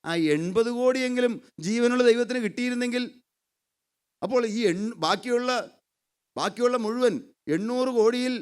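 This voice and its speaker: A man's voice: extremely high pitch, moderate pace, long pauses, clean tone. A man preaching a sermon, fervent and pleading, repeating his points.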